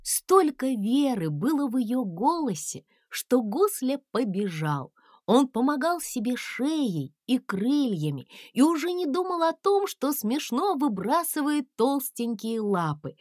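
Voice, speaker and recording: Unhurried, expressive woman storyteller. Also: a little high, no echo, studio quality. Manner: expressive, measured. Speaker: audiobook narrator. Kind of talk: scripted storybook narration.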